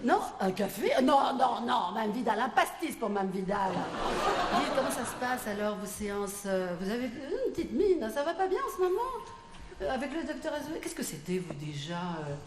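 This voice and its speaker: A woman's voice: a little high, sing-song, moderate pace, a little hiss or hum. A French woman performing a comic stage monologue as a gossipy, bossy café owner chatting with her customers. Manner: gossipy, bossy, talks to unseen customers in turn. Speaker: comedian performing a one-woman stage show. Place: theatre stage with audience. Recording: echoey live theatre recording.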